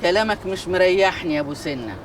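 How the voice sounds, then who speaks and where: An actress playing a proud, defensive older matriarch with an Egyptian accent, speaking firmly and rhetorically. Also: female voice, fairly low pitch, expressive, quick pace, far from the mic, slight background noise, close to an everyday voice. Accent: Egyptian Arabic. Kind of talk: TV drama acting.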